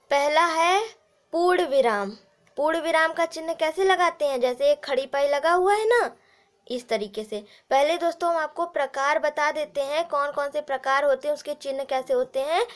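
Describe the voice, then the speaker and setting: A high-pitched woman with an Indian accent gives a grammar lesson, explaining slowly, repeating her points and calling her viewers friends.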